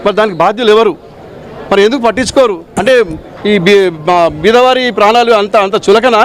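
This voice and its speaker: A man's voice: sits high, fast talker. A local man speaking in a street interview, angry and pleading. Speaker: local resident.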